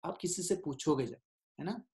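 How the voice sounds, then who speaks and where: Conversational man, fairly high voice. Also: normal speed, mellow. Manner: conversational, keeps checking in with listeners; mixes in English words and phrases. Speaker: devotional speaker. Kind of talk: informal spiritual class.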